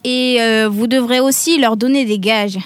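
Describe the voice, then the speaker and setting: A woman hosting a radio game show, lively and quick to laugh. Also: a little high, clean tone, dry recording. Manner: lively, laughing often, scoring and hurrying players. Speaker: game host.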